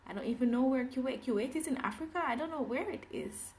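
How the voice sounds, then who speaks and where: A woman's voice: sits high, fast talker, darkish tone, a little hiss or hum. A woman from Jamaica teaching English on a live phone stream, cheerfully greeting viewers and repeating her welcomes.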